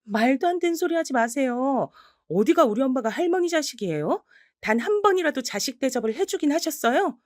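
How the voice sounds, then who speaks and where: A woman's voice: on the high side, sing-song, moderate pace, few pauses, dry recording, studio quality, voice pushed up. A woman voicing a bold, outspoken teenage granddaughter who argues sharply and indignantly.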